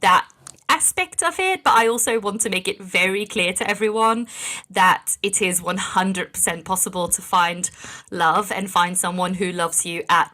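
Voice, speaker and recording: A woman's voice: medium pitch, sharp tone. A woman in her thirties co-hosting a podcast, chatting earnestly and laughing often. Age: 30s. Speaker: podcast co-host. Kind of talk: casual podcast chat.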